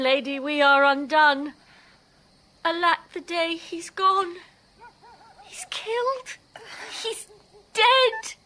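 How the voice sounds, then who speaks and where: An older female servant and confidante in a classical radio drama. Her voice is extremely high and sharp, drawn out slowly in theatrical lament. She sounds like a distraught, wailing nurse. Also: slight background noise, exaggerated voice.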